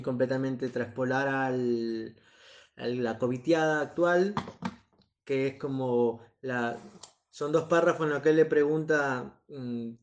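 Un hombre con acento que analiza una canción en tono falsamente solemne, pensando en voz alta con pausas y titubeos. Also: male voice, mid-range voice. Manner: slow, halting, mock-earnest musing with restarts. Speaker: panelist on a parody radio show. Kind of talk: mock-serious song analysis.

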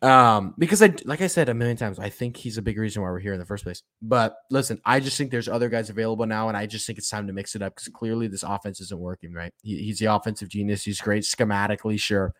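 A man's voice: lowish voice, quick pace, hardly any pauses, fairly bright tone. A man hosting a solo sports podcast, ranting about football in an impassioned, repetitive way. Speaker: podcast host.

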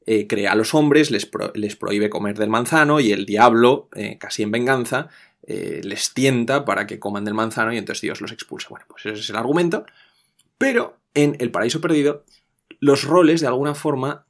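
A man explaining a classic poem in a conversational podcast, animated and often restarting his sentences. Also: mid-range voice, moderate pace. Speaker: literature guest explaining a classic.

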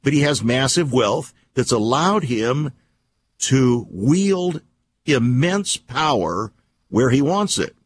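A male radio talk-show host with a medium pitch and lively intonation, recorded over slight background noise. He deliberately builds an emphatic, alarmist, conspiratorial monologue of opinion, asking rhetorical questions and repeating key points.

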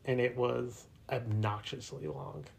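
A man's voice: mid-range voice, a little slow, gravelly, darkish tone, a little hiss or hum. Rambling jokey man, casual podcast chat. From New Jersey. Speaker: podcast co-host.

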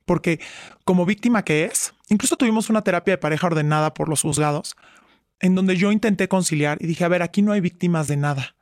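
A middle-aged woman speaks as an interview guest, her fairly low, darkish voice moving at a quick pace. She gives earnest personal testimony, retelling past quarrels by acting out both sides. The recording is studio quality with no echo.

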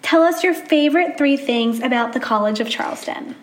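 A woman's voice: high-pitched, brisk, reverberant. A woman hosting a podcast interview, upbeat and encouraging as she asks questions. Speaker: podcast host.

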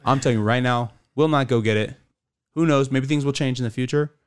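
A man's voice: medium pitch, brisk, clear, resonant tone. A man with a slight lisp co-hosting a casual podcast, rambling loosely and saying "bro" a lot. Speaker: podcast co-host. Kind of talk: casual chat.

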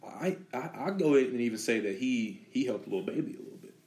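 Easygoing male co-host, casual back-and-forth, mid pitch, roomy echo. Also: animated, fast talker, a little mellow. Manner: easygoing, chimes in with short agreements. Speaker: podcast co-host. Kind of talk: casual chat.

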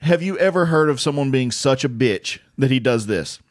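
A man's voice: medium pitch, lively intonation, moderate pace, dry recording. Male comic co-host, teasing and foul-mouthed, voice swings up and down, recorded close and dry. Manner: crude, teasing interjections. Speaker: podcast co-host, aspiring comedian. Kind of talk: casual comedy chat. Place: indoors in a house.

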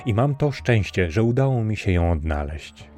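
A gentle, earnest young prince, as a male narrator reads him, speaking calmly and with courtesy. The voice sits deep and low. Faint music plays behind this storybook reading. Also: normal speed, natural voice. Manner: calm, courteous and sincere.

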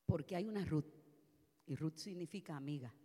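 A woman pastor preaching a passionate sermon, moving from soft, quiet passages to loud shouted ones. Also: low-pitched, moderate pace, in a large hall. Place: church.

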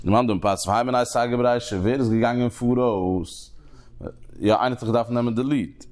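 A man teaching a Talmud lesson, explaining the text in halting phrases that he repeats and restarts. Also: medium pitch, a little mellow.

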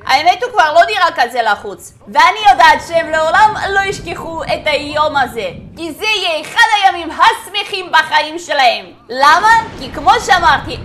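A woman with a very high, light voice narrates a game playthrough in a chatty, teasing manner. She keeps firing questions at the characters on screen. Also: sharp tone, a little hiss or hum. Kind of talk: playful let's-play commentary.

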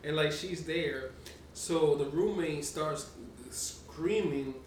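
Man, rambling casual storyteller, swears a lot, slightly high voice, echoey room, off-mic. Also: slow pace, recorded from a distance, a little hiss or hum. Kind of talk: casual podcast chat.

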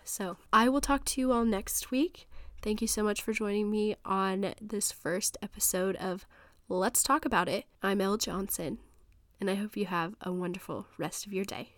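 A woman's voice: medium pitch, fairly even intonation, normal speed, no echo, studio quality. A woman in her thirties hosting a faith podcast, sounding stuffy from a sinus infection, talking in an earnest, rambling, encouraging way from her home office. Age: 30s. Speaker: podcast host.

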